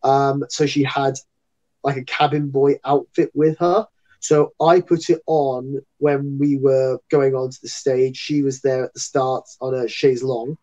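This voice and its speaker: Chatty man with a dark voice. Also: medium pitch, level tone, a little slow, muffled recording. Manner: chatty, rambling storyteller. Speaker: guest entertainer and actor. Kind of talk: casual interview chat.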